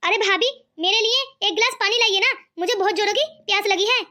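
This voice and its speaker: A woman's voice: very high-pitched, fairly quick, bright, forceful tone. A woman voicing an earnest young man. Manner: earnest, pleading. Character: kind cheerful young man, brother-in-law. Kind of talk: cartoon voice acting.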